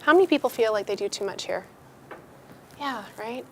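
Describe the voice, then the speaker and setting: A woman's voice: fairly high pitch, lively intonation, normal speed, crowd noise. A woman giving a casual motivational talk to a live group, candid and chatty, swearing freely and acting out the voices of people she quotes. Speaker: workshop speaker.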